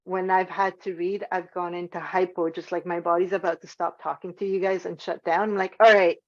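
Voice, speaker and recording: A woman's voice: on the low side, little pitch movement, a little fast, lo-fi sound. A woman presenting an online workshop in a casual, informal way, using lots of "like" as a filler, nervous about speaking in public.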